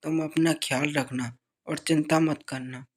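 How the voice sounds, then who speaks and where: A woman doing a calm grown son. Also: low voice, measured pace, breathy edge, pitched below the performer's own voice. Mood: reassuring.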